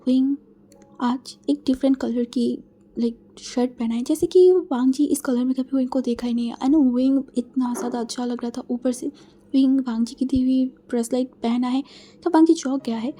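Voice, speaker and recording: A woman's voice: sits high, steady tone, normal speed, dark tone. A woman casually retelling a fan-fiction story in a chatty way, slipping in English words.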